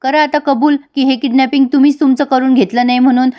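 A woman's voice: high voice, fairly even intonation, fast, muffled recording, close to an everyday voice. A woman retelling the lines of a young husband who defends his wife in a firm, defiant way.

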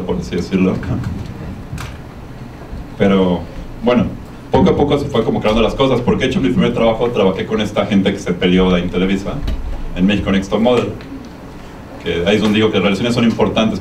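A young Mexican man gives an informal talk in a low voice, hesitant and colloquial as he meanders along. The sound is echoey and a little distant. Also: darkish tone. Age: young adult. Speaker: guest speaker, media production worker. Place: university lecture room. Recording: echoey room, distant sound, background noise.

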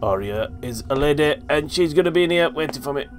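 Male gamer, nervy and profane, lively high-ish voice, faint music behind. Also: quick pace. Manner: jumpy, sweary, joking to himself. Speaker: gaming video host. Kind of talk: horror game playthrough commentary.

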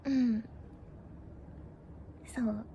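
A woman's voice: fairly high pitch, fairly even intonation, drawn-out words, vocal fry, mellow, breathy edge. A young woman streamer chatting casually with her viewers, playful and giggly, tossing in bits of English. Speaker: live streamer.

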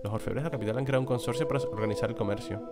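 Fast-talking young Spanish man over music. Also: medium pitch. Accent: Spain Spanish. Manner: casual, swears and exclaims at setbacks. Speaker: gameplay commentator. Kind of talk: let's play commentary, reading game text aloud. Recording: music playing behind the voice.

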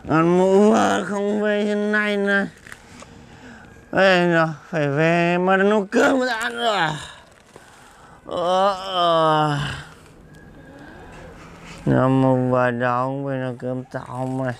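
A man's voice: high-pitched, fairly even intonation, slow, long pauses, fairly bright tone, a little hiss or hum, full character voice. An actor playing a drunk, belligerent husband locked out of his house, slurring and mumbling. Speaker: comic skit actor. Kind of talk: amateur comedy skit acting.

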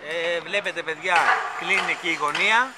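A man's voice: a little high, steady tone. A man casually narrating a vlog outdoors on a construction site, chatty and enthusiastic, filmed on a handheld camera mic. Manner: chatty, rambling, enthusiastic fan talk. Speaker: vlogger filming a stadium construction site. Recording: loud construction site noise.

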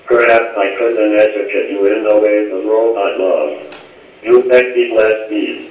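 Guy doing a low flat robot voice, voicemail playback, echoey and tinny from across the room. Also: unhurried. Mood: deadpan. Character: monotone male robot leaving a lovesick voicemail. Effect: robot voice on an answering machine. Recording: echoey tinny answering machine playback from far off.

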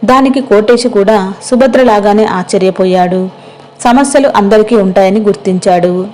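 A woman narrates a scripted moral story at normal speed. Her voice is dark and soft-edged, sitting at a medium pitch for a woman.

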